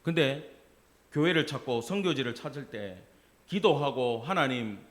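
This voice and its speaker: Animated, lively-voiced Korean pastor. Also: male voice, medium pitch, unhurried. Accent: Gyeongsang Korean. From Gyeongsang region of Korea. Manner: animated, acts out dialect and quoted voices. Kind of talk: sermon.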